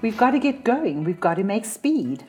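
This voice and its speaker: Woman doing a flustered pilot guy from a rhyming storybook, hurried, lively up and down. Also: medium pitch, faint music behind, close to an everyday voice. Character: startled male bush pilot.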